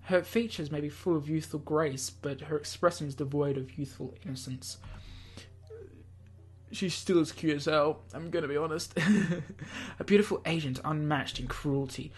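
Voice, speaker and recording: This let's play host speaks with a fairly high pitch, a breathy edge, and normal speed. He gives a theatrical read-aloud of a visual novel, interrupted by offhand, casual asides.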